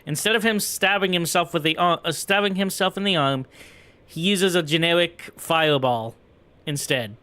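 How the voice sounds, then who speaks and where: Male let's play host, casual and rambling, crisp bright voice, slightly high. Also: moderate pace, dry recording. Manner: rambling, self-correcting, thinks aloud. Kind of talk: casual game commentary.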